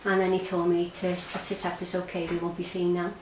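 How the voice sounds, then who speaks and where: A woman's voice: fairly low pitch, completely flat delivery, a little fast. Irish woman telling her story, roomy echo. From Ireland. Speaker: interviewee recounting her experience. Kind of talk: personal testimony in an interview. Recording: roomy echo, faint background noise.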